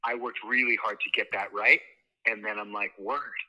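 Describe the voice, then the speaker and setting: A man's voice: lowish voice, fairly even intonation, moderate pace, sharp tone, rough recording. A man talking casually as a guest artist, heard through a phone on speaker with a laid-back, rambling, enthusiastic manner. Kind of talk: casual live chat. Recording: phone on speaker held away from the mic.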